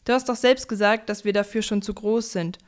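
A woman voicing a lively, affectionate young girl in a children's story. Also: mid-range voice, fairly quick, clean tone, close to an everyday voice. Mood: eager.

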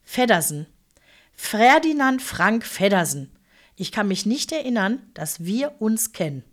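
A woman's voice: medium pitch, big pitch swings, a little slow. A woman voicing a fussy, pedantic middle-aged bookkeeper, stiff, formal and easily indignant.

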